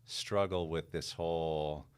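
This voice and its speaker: A man co-hosting a podcast, chatty and animated, quick to tease and joke. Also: a bass voice, clean tone. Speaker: podcast co-host. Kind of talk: podcast conversation.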